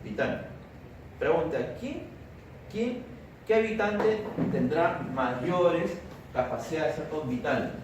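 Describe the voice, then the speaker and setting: Man, Peruvian accent, classroom lecture, constantly checks in with students, fairly high voice, distant noisy recording. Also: expressive, slow. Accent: Peruvian Spanish. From Peru. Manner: checks in constantly with "¿cierto?" and "¿estamos?". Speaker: physiology lecturer. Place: large echoey classroom. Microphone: distant camera mic. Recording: echoey, far from the mic, noisy room.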